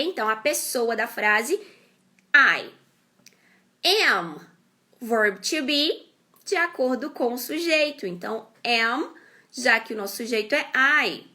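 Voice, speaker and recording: A woman teaches an English grammar lesson online, walking through each step and checking in with short questions. Her voice sits a little high and bright, and she speaks slowly, carefully spelling out the English example sentences.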